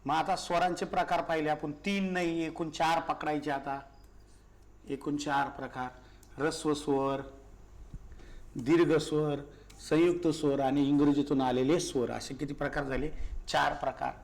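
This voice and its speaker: A man's voice: on the high side, little pitch movement, moderate pace, creaky. A male teacher giving a grammar lesson, asking questions and answering them himself, repeating key words and often calling his listeners brothers.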